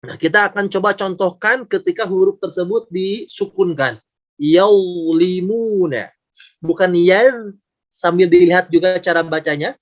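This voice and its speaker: A man with a high voice teaching recitation over an online call. He is patient and methodical, stretching out each sound slowly and repeating it. His delivery is that of a careful teacher walking students through pronunciation. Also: fairly even intonation. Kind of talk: online tajweed lesson. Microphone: video call.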